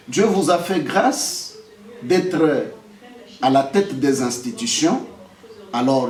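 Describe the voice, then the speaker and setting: His voice on the high side and a little mellow, a young man from the Democratic Republic of the Congo, a lawyer and political candidate with a Congolese French accent, issues a defiant press statement against accusations. He is emphatic and repeats phrases for effect, and the echoey room and distant microphone color the sound.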